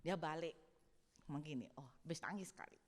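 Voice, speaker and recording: A woman pastor preaching a sermon, telling stories in an expressive, humorous way. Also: deep voice, normal speed. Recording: long hall reverb.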